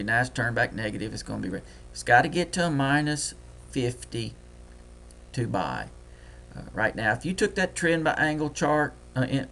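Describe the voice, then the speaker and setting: Gravelly Deep South man. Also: fairly bright tone, a little hiss or hum. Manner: folksy, talks fast while clicking. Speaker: trading software tutor. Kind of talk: screen-recorded tutorial.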